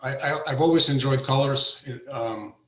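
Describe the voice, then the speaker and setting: A middle-aged man gives an informal talk about his painting, stopping often on fillers and restarting his phrases. His voice is bright and forceful. The sound comes over a video call from an echoey room. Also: medium pitch, normal speed. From Russia. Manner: hesitant, many fillers and restarts. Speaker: painter giving an artist talk. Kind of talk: informal presentation.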